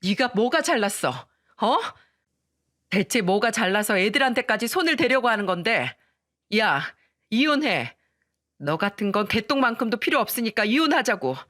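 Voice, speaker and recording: A woman's voice: on the low side, expressive, moderate pace, no echo, studio quality. A woman voicing a long-suffering mother who turns fierce in defense of her children, in a dramatized radio story. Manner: sharp, scolding outbursts.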